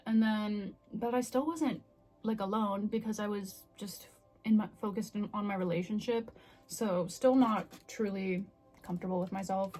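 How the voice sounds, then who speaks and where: A woman's voice: mid-range voice, fairly even intonation, moderate pace, dark tone, faint music behind. A woman in her twenties chatting casually and candidly to the camera in a self-reflective, confessional way. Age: 20s. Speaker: vlogger.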